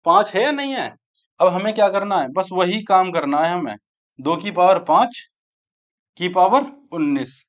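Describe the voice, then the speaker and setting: A man teaching a maths lesson for exam preparation. He asks his students questions, answers them himself, and repeats key steps aloud while he writes. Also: high-pitched. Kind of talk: exam-prep maths lecture. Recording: dull lo-fi sound.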